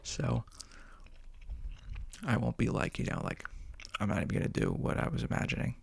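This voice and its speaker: A man's voice: medium pitch, normal speed, no echo. A man whispering casually into a close microphone for an ASMR video, rambling and joking in a self-aware way. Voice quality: breathy whisper. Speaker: ASMR creator. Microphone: studio microphone with fuzzy cover, close.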